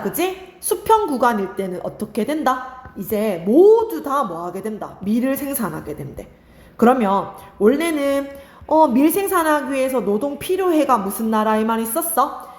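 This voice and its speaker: Young woman teacher quizzing students n answering herself, animated, roomy echo. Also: fairly high pitch. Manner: asks the class questions and answers them herself. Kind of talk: online exam-prep lecture.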